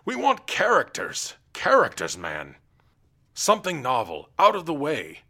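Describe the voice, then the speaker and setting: A man's voice: huge pitch swings, a little slow, gravelly, sharp tone, husky, heavily acted. A man voicing a blustering, cruel fat king who mocks and bullies his jester. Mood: jovial commanding. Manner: booming, mocking, bullying.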